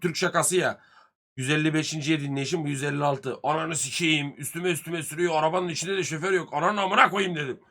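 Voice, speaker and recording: Bright, brash man joking with chat. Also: a little high. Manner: crude, swearing, joking banter; lively, swings loud and soft. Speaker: streamer. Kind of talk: casual live-stream chat with viewers.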